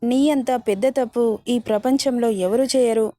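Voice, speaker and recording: A woman voicing a teasing, possessive young man in a spoken romance story, in a playful, gently possessive manner. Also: fairly high pitch, fairly even intonation, unhurried, no room sound, close to an everyday voice.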